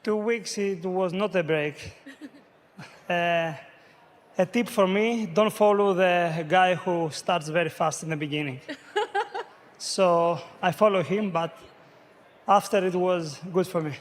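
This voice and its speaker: A male athlete speaks in a high voice, with halting, simple phrasing as a non-native English speaker. It is a post-event interview recorded in a reverberant arena. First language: not English. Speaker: competing athlete.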